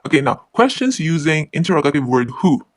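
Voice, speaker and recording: A man's voice: fairly high pitch, very animated, brisk, no room sound. A man teaching a Japanese grammar lesson from the Philippines, explaining patiently with repeated examples.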